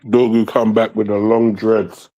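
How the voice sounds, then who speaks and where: A man's voice: lowish voice, level tone, muffled recording. A man casually commenting on a football match as he watches live, talking with many fillers and his mouth full of food. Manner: slow, hesitant, many fillers; talks while eating. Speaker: watchalong streamer.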